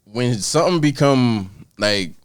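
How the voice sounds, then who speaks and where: A man's voice: mid-range voice, lively intonation, a little slow, clean tone, no room sound, clean studio sound. A young man chatting casually on a podcast, laid-back and full of slang, often asking "you feel me". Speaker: podcast host. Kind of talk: casual chat.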